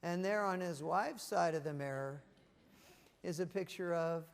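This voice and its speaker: A man giving a live motivational presentation to a leadership audience, telling stories with lively, acted-out voices. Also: fairly high pitch, a little slow, vocal fry, clean tone, long reverb tail. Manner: animated storytelling, acting out voices. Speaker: motivational speaker. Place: conference room with leadership audience.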